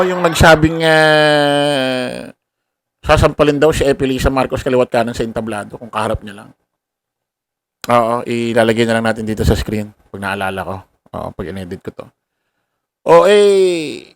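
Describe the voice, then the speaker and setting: A man's voice: fairly high pitch, dry recording. A man giving casual political commentary to viewers, mocking and laughing, full of rhetorical questions. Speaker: commentary vlogger.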